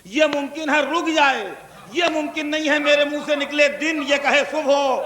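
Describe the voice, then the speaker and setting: A man's voice: extremely high pitch, little pitch movement, very noisy. A man with a Lucknow Urdu accent delivering a religious sermon to a large gathering, explaining with repeated examples and asking the audience questions. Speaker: preacher delivering a majlis. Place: large hall before a gathering. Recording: echoey hall recording, 1982 tape.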